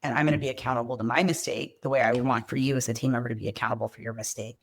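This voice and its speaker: A woman's voice: very deep voice, steady tone, very fast, a little hiss or hum. Earnest woman guest telling candid stories. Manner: reflective, earnest, quotes herself and family with vivid emphasis. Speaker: guest, company executive. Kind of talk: podcast interview, candid storytelling.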